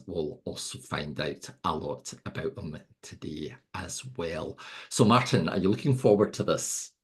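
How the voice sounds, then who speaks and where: Deep, husky man in his middle years hosting a laid-back, joking podcast chat. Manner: chatty, jokey, self-mocking. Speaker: podcast host. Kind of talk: casual interview.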